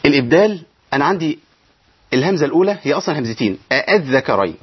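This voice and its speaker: A man with an Egyptian accent teaching Quran reading in an online lesson. He explains step by step, poses questions and answers them himself, and recites verses slowly. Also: a little high, expressive, husky. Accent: Egyptian Arabic. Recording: dull lo-fi sound.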